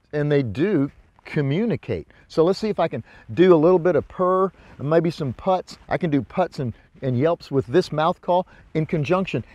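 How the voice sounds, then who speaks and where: A man with a fairly high-pitched voice teaches in a casual, hands-on way. He explains things step by step in informal, folksy language, speaking outdoors like an instructor showing his gear. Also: darkish tone, dry recording, muffled recording. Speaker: hunting instructor, presenter. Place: outdoors in brush by a ravine.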